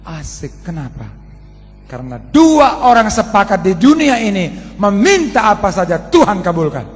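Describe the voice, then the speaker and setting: A man preaching a storytelling sermon, animated and colloquial, often calling out to the congregation. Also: high voice, normal speed, soft background music. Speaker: pastor. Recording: long reverb of a large hall.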